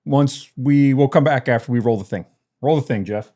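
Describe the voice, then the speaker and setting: Mellow-voiced man ranting casually. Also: medium pitch, normal speed. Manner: chatty, laughs while ranting. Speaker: podcast co-host. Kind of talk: casual wrestling podcast chat. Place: lives in Detroit.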